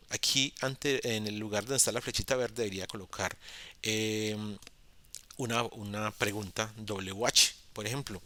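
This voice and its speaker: A man's voice: fairly low pitch, sharp tone. A man explaining grammar in a patient, repetitive lesson for beginners, with frequent fillers and restarts. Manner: patient, repeats key points, many fillers. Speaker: English teacher.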